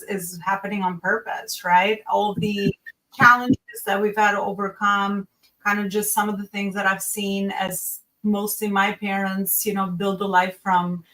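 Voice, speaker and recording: A woman's voice: medium pitch, bright, forceful tone, far from the mic, rough recording. A woman in her forties from Albania, telling her story as a podcast guest in an earnest, reflective way, with many fillers and restarts.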